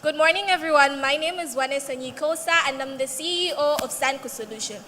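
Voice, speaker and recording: High, bright Zambian young woman pitching formally. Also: fairly quick, a little hiss or hum. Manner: formal, rehearsed delivery. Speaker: student company CEO presenting. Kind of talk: competition pitch speech. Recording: very reverberant hall.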